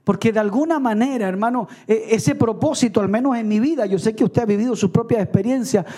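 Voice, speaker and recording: A man's voice: high-pitched, fast talker, warm tone. A middle-aged male pastor preaching an evening sermon, telling his own story earnestly with chuckling asides. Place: evening church service.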